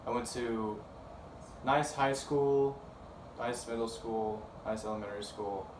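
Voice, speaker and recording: A young college man answering interview questions in a relaxed, hesitant way with fillers. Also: mid-range voice, a little slow. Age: young adult. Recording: roomy, distant, noisy.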